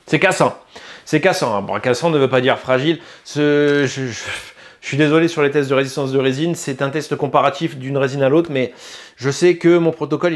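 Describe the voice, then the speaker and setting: A French-accented man giving a casual, hesitant product review, full of fillers and restarts. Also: medium pitch. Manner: hesitant, filler-heavy, self-correcting. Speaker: YouTube 3D printing reviewer.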